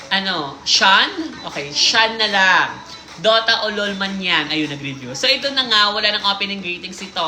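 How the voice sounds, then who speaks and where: A woman hosts a casual livestream, reading out listener stories and breaking off for playful, teasing comments. Her voice is bright and ringing. The room is echoey, with faint music behind. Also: medium pitch. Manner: playful, teasing asides while reading aloud.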